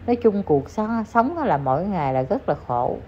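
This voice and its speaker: A woman's voice: mid-range voice, big pitch swings, normal speed, warm tone, slight background noise. Emphatic woman gossiping. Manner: emphatic, repetitive, scolding. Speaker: online commentator addressing viewers. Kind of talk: casual gossip commentary. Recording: slightly dull lo-fi audio with faint ambience.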